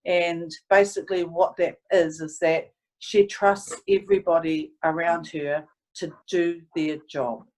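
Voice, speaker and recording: A woman's voice: lowish voice, fairly even intonation, measured pace, a little mellow, low-quality recording. A woman, reflecting earnestly and hesitantly as she tells stories in a casual interview. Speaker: interviewee, sports team staff member.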